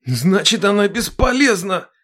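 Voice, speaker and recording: A woman voicing a cold, indifferent male dragon in a lower, dismissive tone in an audiobook. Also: a little slow. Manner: low, flat and dismissive.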